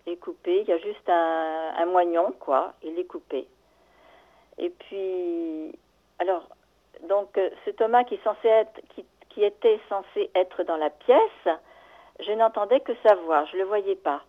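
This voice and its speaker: An older woman on a call-in show, her voice coming through a thin, tinny phone line. She talks in a halting, shaken way, stopping often to search for the right words. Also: on the low side. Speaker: radio caller. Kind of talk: recounting a dream on call-in radio. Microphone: telephone.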